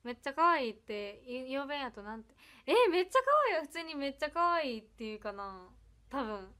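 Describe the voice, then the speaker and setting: A young woman with an Ehime Iyo-dialect accent mixed with Kansai, chatting casually on a birthday livestream and reading out viewer comments, giggling often, with lines that trail off softly, at home. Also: on the high side, animated, a little fast, smooth. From Ehime, Japan.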